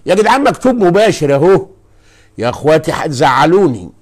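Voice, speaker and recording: A man with an Egyptian Arabic accent giving a live-streamed religious lecture as a preacher and scholar. He speaks emphatically, moves between quiet asides and loud stressed words, and often addresses his listeners directly. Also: on the high side, big pitch swings, fast talker.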